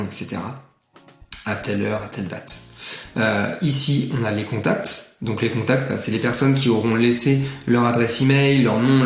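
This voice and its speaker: A man casually walking the viewer through a software tutorial, chatty and full of filler sounds. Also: medium pitch. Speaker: tutorial presenter. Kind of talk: casual screen-share tutorial. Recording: echoey room, faint music.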